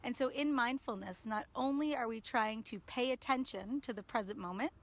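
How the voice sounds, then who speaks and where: Calm woman explaining mindfulness in an interview. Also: on the high side, normal speed.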